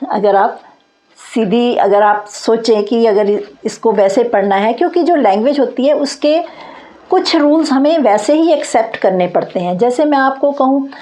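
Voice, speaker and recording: A woman's voice: fairly high pitch, normal speed, warm tone. A woman teaching English grammar in Hindi, patiently reading out example sentences and checking in with her learners. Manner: patient, repeats points and checks with "theek hai". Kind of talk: grammar lesson explained in Hindi.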